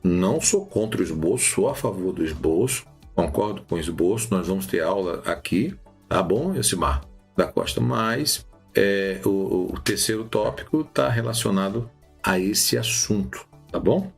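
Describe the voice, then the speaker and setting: A man teaching new preachers in a live-streamed lesson, animated, with many restarts and "tá bom?" checks. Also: deep voice, moderate pace, gravelly, breathy edge, soft background music.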